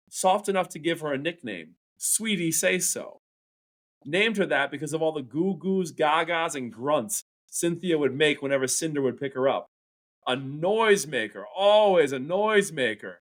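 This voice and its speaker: A male English teacher reading a novel chapter aloud to his class in an animated storytelling manner, acting out the dialogue. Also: a little high, moderate pace.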